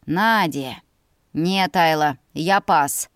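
A woman reading an audiobook voices a young man teasing his sister in a lower, slower, mocking tone. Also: no echo, studio quality. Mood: stern. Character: teasing young adult brother, sharp and wry. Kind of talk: audiobook character voice.

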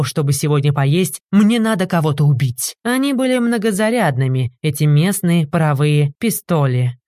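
A woman narrating an audiobook in a lively, mocking manner. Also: low voice, no room sound.

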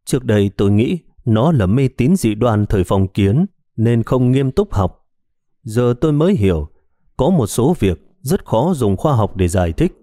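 A man narrating a horror detective story in a scripted, expressive storytelling manner on a close mic. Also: mid-range voice, moderate pace, dry recording. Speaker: audiobook narrator.

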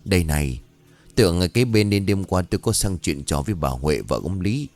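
A man's voice: low-pitched, expressive, a little fast. A man doing a gossiping old village woman. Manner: hushed, gossipy, hesitant.

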